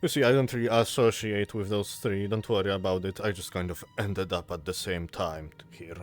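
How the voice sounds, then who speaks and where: Guy doing a low drawly polite gent, cool and aloof, music under it. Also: fairly even intonation, brisk, close to an everyday voice. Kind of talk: tabletop role-play.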